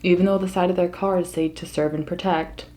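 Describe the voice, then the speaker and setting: An American woman with a somewhat low-set voice speaks to her online audience. Her delivery is a casual, unscripted monologue. She sounds earnest and leans on her points with emphasis. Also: fairly even intonation, fairly quick, noisy background. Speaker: mukbang vlogger.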